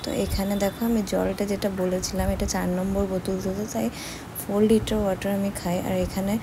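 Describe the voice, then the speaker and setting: A woman's voice: mid-range voice, level tone, a little fast. A young woman, a new mother, narrates her day in a chatty, matter-of-fact vlog voice-over. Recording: noisy voice-over recording.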